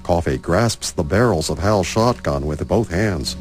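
A man with a low voice narrates on-screen action in scripted present tense, as an audio describer does. A film score plays clearly behind him. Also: animated, measured pace. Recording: film soundtrack music behind. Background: film score music.

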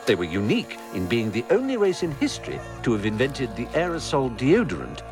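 An actor as an erudite guide narrator, reading scripted comic narration in a dry, articulate way. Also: male voice, mid-range voice, wildly swooping pitch, fairly quick, far from the mic, music in the background. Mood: dryly amused.

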